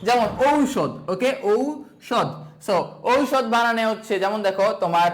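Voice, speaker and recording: A young man runs an exam-prep class in a high voice. He poses a question, answers it himself and then repeats the rule. Casual English fillers like "okay" and "so" break up the drill. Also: expressive, normal speed. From Bangladesh. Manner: asks and answers his own questions, repeating rules.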